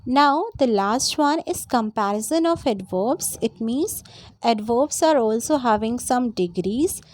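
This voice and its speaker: A woman's voice: on the high side, lively intonation, no echo. A woman explaining a grammar lesson, going step by step and repeating her points. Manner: lists examples slowly one by one. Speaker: English teacher.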